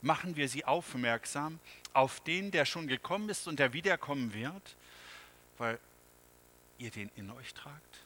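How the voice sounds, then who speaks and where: Slow, dramatic pastor. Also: male voice, on the high side, animated, rough recording. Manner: slow and dramatic, swings from loud to hushed whispers. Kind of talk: sermon.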